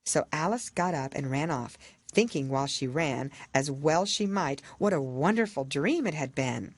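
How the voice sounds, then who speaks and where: A woman narrating a children's classic as an audiobook, in a measured, expressive storytelling manner. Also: sits low, no room sound. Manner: expressive, measured literary reading.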